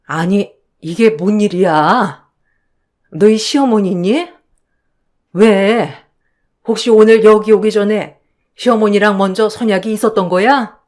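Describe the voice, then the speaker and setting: A woman voicing an elderly mother who speaks slowly and worriedly, in a radio drama. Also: mid-range voice, a little mellow, close to an everyday voice. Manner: slow, worried, sighing. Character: fretful elderly mother, gentle and slow.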